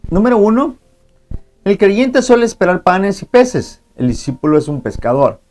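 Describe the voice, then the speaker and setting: A man's voice: high-pitched, lively intonation, normal speed, darkish tone, faint music behind. Spanish-speaking male pastor preaching a sermon. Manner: preacherly, reads scripture aloud, addresses congregation as brothers; frequent interjected amén and ¿verdad?. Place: church.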